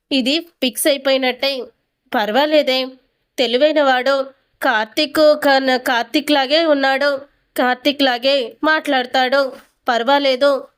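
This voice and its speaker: A woman voicing a scheming, sharp-tongued old grandmother who needles her granddaughter. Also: sits high, clear, resonant tone, lightly acted. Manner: mocking, needling.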